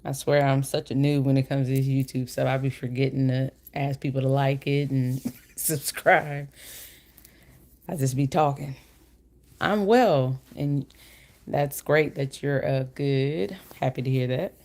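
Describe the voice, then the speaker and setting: The livestream host is a woman with a bass voice that stays steady and a little mellow, moving at a measured pace. Her casual chat wanders in an informal, slangy style, with the retainer she wears slightly slurring her words.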